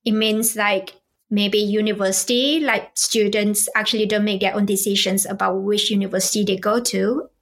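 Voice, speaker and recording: A woman's voice: medium pitch, fairly even intonation, normal speed. Woman from Malaysia, podcast guest, conversational explainer, rhetorical questions, fillers. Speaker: guest expert on cross-cultural business.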